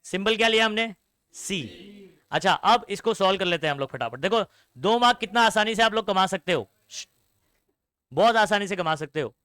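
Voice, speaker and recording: A man's voice: high voice, expressive, normal speed, sharp tone, smooth, no echo. A young man teaching a classroom science lecture, mixing English terms into his talk and constantly quizzing students with call-and-response questions. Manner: mixes Hindi with English terms, scolds students.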